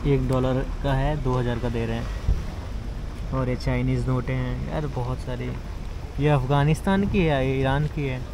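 A man's voice: mid-range voice, steady tone, normal speed. A young man from India chatting casually to viewers as he walks through a city market and streets, filming himself as a travel vlogger. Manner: chatty, addresses viewers as brothers. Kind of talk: casual walking-tour narration. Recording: street noise behind handheld recording.

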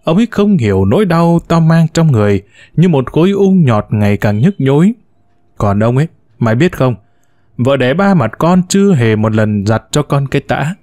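A man's voice: mid-range voice, sing-song, moderate pace, warm tone, no room sound, clean studio sound, natural voice. A man voicing an older widowed mother who scolds her grown sons with venom, in a storybook reading. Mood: bitter. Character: sharp-tongued older widow, furious mother.

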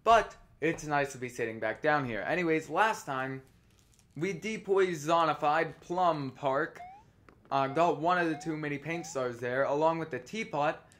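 A teenage boy hosts a let's play, giving casual gameplay commentary full of ums and rambling chatter. A retainer gives him a slight lisp. His fairly high voice is a bit bright, and he speaks at a measured pace.

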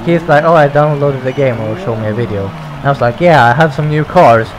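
A young man hosting a racing game let's-play, excitable and stammering, laughing and swearing as he reacts. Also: mid-range voice, a little fast, over music. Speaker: gaming channel host.

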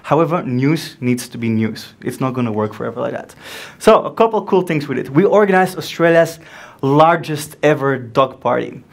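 This is an animated startup conference talk by a young Belgian man who speaks with a French accent and a medium-pitched voice. Storytelling with keynote energy, he plays out rapid exchanges of dialogue, performing on stage in a darkened venue full of audience members.

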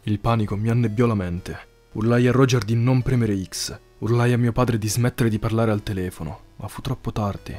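Man, horror story narrator, somber measured read, low mellow voice. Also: fairly even intonation, faint music behind.

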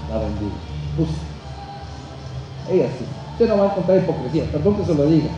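A man preaching a sermon. He swings between shouted climaxes and low, quiet passages and puts rhetorical questions to his congregation. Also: big pitch swings, brisk, highs cut off. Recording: very echoey church hall with music behind.

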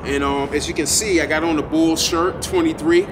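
A vlogger in his twenties chats casually to the camera outside at night in front of a building, rambling and repeating himself in a laid-back way. His voice sits on the high side, with fairly even intonation and a moderate pace. The camera mic is a few feet away and picks up street noise.

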